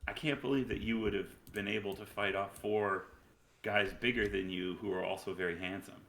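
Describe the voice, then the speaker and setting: Male game master, casual improvised narration, bright forceful voice, low-ish pitch, roomy echo. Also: steady tone, a little fast, creaky, a little hiss or hum.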